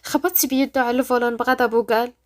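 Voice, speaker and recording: A woman's voice: fairly high pitch, fairly even intonation, quick pace. A woman with a Moroccan accent narrating a dramatic story.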